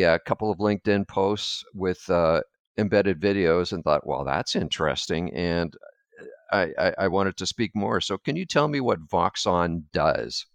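A man hosting a podcast, reading a scripted intro and then chatting with his guest in a measured way. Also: low-pitched, a bit bright, clear, resonant tone, no echo. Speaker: podcast host.

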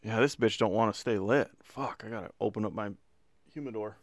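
A man's voice: on the low side, brisk. A man hosting a casual podcast chat, joking and swearing as he calls on each of his friends in turn. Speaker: podcast host.

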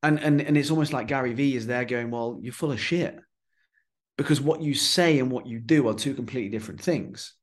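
A man's voice: medium pitch, a little fast. A man hosting a casual podcast conversation as a fitness business coach, talking bluntly and swearing freely.

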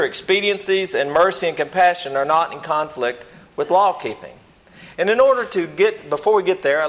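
A man preaches, with a voice pitched a little higher than most men's. He teaches in a plain, folksy manner, humble and somewhat hesitant, often restating a phrase before moving on. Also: a bit bright. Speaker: preacher giving a Bible lesson. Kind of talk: sermon, teaching a church group.

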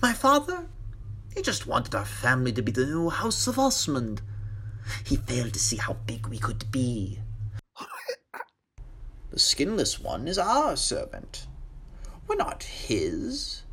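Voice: medium pitch, wildly swooping pitch, slow pace, pauses often, fairly bright tone, slight background noise, full character voice. Villain monologue, grandiose, gloating, falsely polite, sinister cultist, swooping intonation, tabletop role-play. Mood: gloating, menacing.

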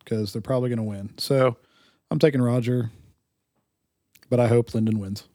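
A man with a mellow, dark voice hosts a relaxed fantasy football chat. He talks in a laid-back, hesitant way with lots of fillers, and he has a cough. The sound is dry and close. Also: medium pitch, moderate pace, no room sound. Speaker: fantasy football league podcast host. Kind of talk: casual chat.

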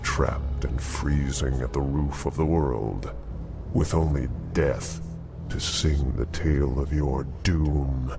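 Gravelly, abyss-deep dark lord villain. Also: male voice, fairly even intonation, exaggerated voice. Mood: menacing, doom-laden. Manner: slow ominous dark-lord pronouncements. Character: menacing undead villain serving a dark lord. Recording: music behind the voice.

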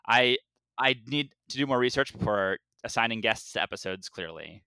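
A man's voice: mid-range voice, normal speed, clean tone, dry recording. A man co-hosting a casual podcast, joking dryly and recapping a story. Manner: dry joking, relaxed storytelling. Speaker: podcast co-host.

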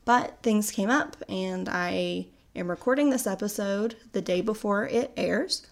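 Sounding slightly under the weather with a cold, this young North American podcast host chats upbeat through facts on her casual solo show. She speaks at a measured pace in a medium pitch with some vocal fry.

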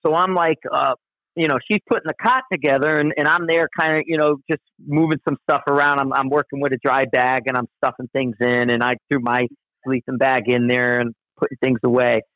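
A man's voice: mid-range voice, steady tone, brisk, a bit bright, no room sound. A man telling a long outdoor story in casual conversation, rambling and profane, with frequent restarts. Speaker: guest storyteller. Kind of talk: casual spoken anecdote. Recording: dull, dry lo-fi recording.

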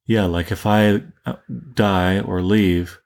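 A man's voice: sits low, steady tone, slow, a little mellow. A man from Canada co-hosting a casual book discussion, musing and thinking aloud with frequent restarts. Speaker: podcast co-host.

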